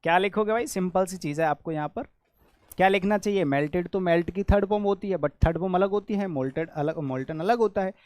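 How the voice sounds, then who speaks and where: A man's voice: sits high, quick pace, a little mellow, dry recording. A man with an Indian accent teaching an English grammar lesson in Hindi, quizzing his students with repeated questions as he explains each word.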